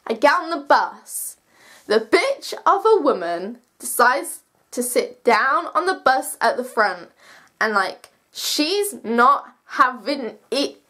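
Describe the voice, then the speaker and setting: A young woman of seventeen with a high-pitched voice tells a personal story to camera. Her delivery is casual and animated, full of slang and emphatic swearing. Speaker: vlogger telling a personal story.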